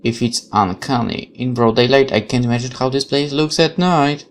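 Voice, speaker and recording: A man with a medium-pitched voice talks at a normal speed, with a little hiss or hum in the recording. He's a let's player performing a game for viewers, narrating visual novel text like a dramatic storyteller and adding musing commentary.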